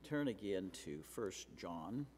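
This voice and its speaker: A man preaching a sermon as pastor, sounding nasal from allergies, in a measured teaching manner. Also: low voice, very animated, a little mellow, slight background noise. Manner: measured teaching delivery with occasional fillers. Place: church sanctuary. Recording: reverberant church hall.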